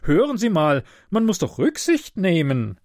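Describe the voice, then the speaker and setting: A man's voice: sits high, wildly swooping pitch, unhurried, darkish tone, dry recording, clean studio sound, voice pushed up, heavily acted. A man voicing an indignant crowd of train passengers who speak in outrage. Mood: outraged.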